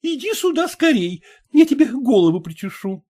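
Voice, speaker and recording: A man's voice: extremely high pitch, very animated, moderate pace, mellow, full character voice. A man voicing a scolding, fussy middle-aged mother, reading a story aloud in a nagging tone. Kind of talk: audiobook character voice.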